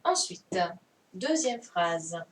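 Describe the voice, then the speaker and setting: Slow, patient woman teacher. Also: mid-range voice, sing-song. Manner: patient, repeats and checks understanding. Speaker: primary school teacher. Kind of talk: online class dictation correction. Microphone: computer mic on a video call. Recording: distant mic with faint noise.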